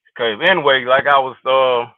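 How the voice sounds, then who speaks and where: A man's voice: mid-range voice, level tone, brisk, dry recording. A man hosting a casual podcast, rambling loosely and saying "man" often, heard through a phone. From South Carolina. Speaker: podcast host. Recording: tinny phone-like line.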